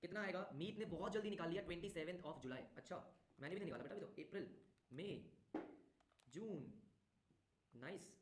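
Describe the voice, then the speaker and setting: A male tutor teaching an online class, talking briskly, repeating phrases and urging students to answer quickly. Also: high voice, background noise. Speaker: commerce exam tutor. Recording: roomy echo.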